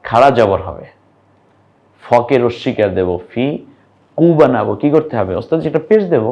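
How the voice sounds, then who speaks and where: A man's voice: mid-range voice, animated, moderate pace, darkish tone, lo-fi sound. A young man teaching an online lesson, patiently sounding out syllables and quizzing his viewers. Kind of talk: online lesson on reading Arabic vowel marks.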